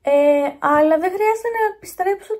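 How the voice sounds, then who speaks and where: A young woman vlogging in a chatty, rambling way, talking straight to her viewers on a phone held at arm's length. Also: very high voice. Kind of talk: casual vlog chat.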